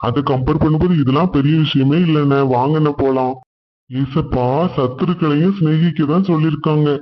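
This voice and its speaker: Man voicing a kind devout father in a cartoon, calm, reassuring, fairly high voice, dull lo-fi sound. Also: a little fast, natural voice. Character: gentle, devout poor father.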